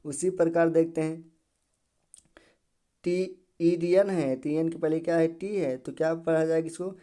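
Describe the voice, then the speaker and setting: A man giving an English pronunciation lesson. He keeps repeating words and asking the viewer quick questions. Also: fairly high pitch, fairly even intonation, warm tone. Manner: drills each word over and over. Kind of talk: classroom-style video lesson.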